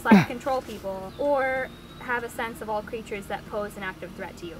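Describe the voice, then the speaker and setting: A woman's voice: a little high, normal speed, faint music behind, low-quality recording. A young woman in casual chat, reading out would-you-rather questions with a dry, playful manner. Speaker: question asker.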